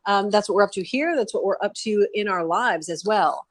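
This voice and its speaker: A woman's voice: medium pitch, a little fast. A middle-aged woman co-hosting a casual live-stream chat over a webcam, bubbly and chatty, laughing often. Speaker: co-host.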